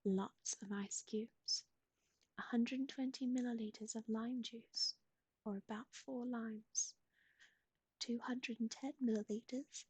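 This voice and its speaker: A woman whispering recipes in a soft ASMR style, close to the mic, with gentle asides to a pet. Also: a little high, slightly rough, dry recording. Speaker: ASMR streamer.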